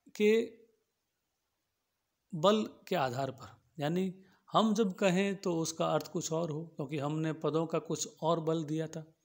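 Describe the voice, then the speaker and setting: A man giving a logic lesson, explaining patiently and restating each point in simpler words with everyday examples. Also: high-pitched. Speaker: philosophy teacher. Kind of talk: lecture on logic.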